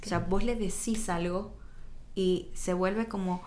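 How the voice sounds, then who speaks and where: A woman's voice: fairly low pitch, steady tone, measured pace, a little mellow, slight background noise. A young adult woman, a guest on a podcast, talking casually and acting out the quoted dialogue in her stories. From Bolivia. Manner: chatty storyteller acting out quoted dialogue, frequent "digamos, ¿no?" fillers.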